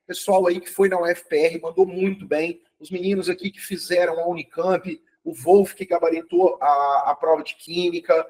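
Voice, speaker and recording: A man with a high voice, recorded at low quality, teaches a live online chemistry review. He's upbeat and encouraging, calls on students by name, and often checks that they understand.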